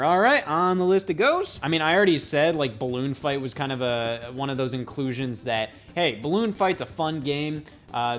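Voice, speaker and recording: A man talking casually about retro games, rambling with many fillers and blunt opinions. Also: medium pitch. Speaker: retro game reviewer. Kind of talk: casual commentary.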